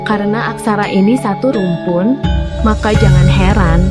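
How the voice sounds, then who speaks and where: A woman reads a scripted educational narration in a formal, deliberate manner, enunciating each word carefully. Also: mid-range voice. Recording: prominent background music. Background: music.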